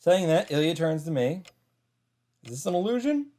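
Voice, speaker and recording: This is a visual novel read-through with reactions, the narration set over background game music. The commentator's dark, mid-range voice is very animated, keeping a moderate pace.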